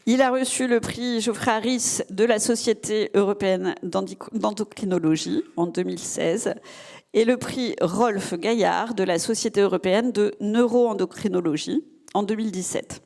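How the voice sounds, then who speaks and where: A woman's voice: medium pitch, moderate pace, vocal fry, darkish tone. A woman organizing a festival who introduces the guest speaker with many fillers and restarts. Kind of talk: hesitant spoken introduction.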